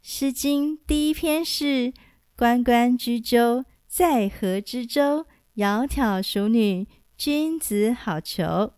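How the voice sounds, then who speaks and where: A woman's voice: on the high side, takes it slowly, a little mellow, dry recording, clean studio sound. A woman voicing a clever, playful teenage girl cook who teases and coaxes as she gives hints. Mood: coaxing. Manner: teasing, coaxing.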